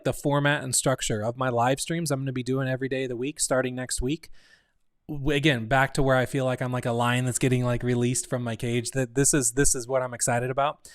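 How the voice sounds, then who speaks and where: A man talks casually on his own live stream, thinking out loud and often restarting mid-sentence. His voice sits at a middle pitch. The sound is dry and close, with hardly any room around it. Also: clear, resonant tone, dry recording. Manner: rambling, thinks aloud with restarts. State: hiccuping. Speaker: community host.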